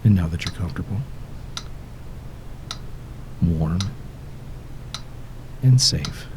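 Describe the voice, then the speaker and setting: A man guides a sleep hypnosis session in a soothing, measured voice, pausing between short phrases and letting each ending fade softly toward a whisper. A steady low rumble runs underneath, along with a ticking, clock-like rhythm.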